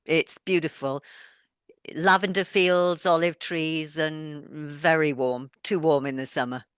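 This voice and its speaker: In a clean, deep voice with fairly even intonation, a middle-aged English-born author who grew up moving around the world takes her time in a casual, thoughtful interview. Her mixed British accent has a little Welsh and Yorkshire in it. The recording is dry and studio quality.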